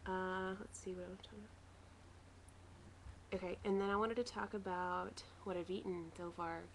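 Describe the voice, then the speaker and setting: A woman's voice: mid-range voice, little pitch movement, normal speed, slight background noise, low-quality recording. A woman talking casually and matter-of-factly in a rambling personal video diary, recorded at home. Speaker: vlogger sharing a weight-loss surgery recovery diary.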